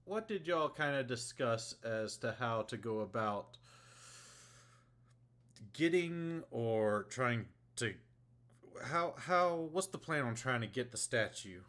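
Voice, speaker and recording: A man's voice: medium pitch, slow. Guy dm doing the recap for his tabletop group, easygoing, lots of uhs and ums. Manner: relaxed storytelling with fillers. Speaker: game master. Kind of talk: narrating a tabletop game recap.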